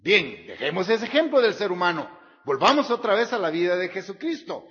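A man's voice: high-pitched, big pitch swings, brisk, fairly bright tone. A man preaching a sermon, reading scripture aloud and repeating the verse references. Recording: dull sound with long hall reverb.

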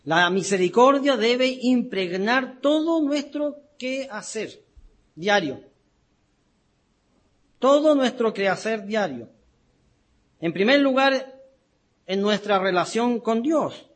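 A man delivers a sermon in a high, husky voice, unhurried and deliberate. He reads scripture aloud and dwells on key words, repeating them for weight. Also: animated, fairly bright tone. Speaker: preacher. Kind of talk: sermon with Bible reading.

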